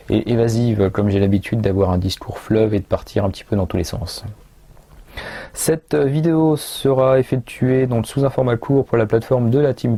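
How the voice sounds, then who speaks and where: A man's voice: medium pitch, dark tone. A man from France reviewing a dog training book in a casual, rambling way, full of fillers and self-corrections.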